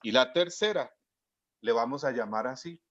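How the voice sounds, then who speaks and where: A man preaching a sermon in an earnest way, slowing down to stress key words and acting out the lines he quotes. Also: medium pitch, animated, fairly bright tone. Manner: acts out the quoted lines of the scripture. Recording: dry, dull lo-fi audio.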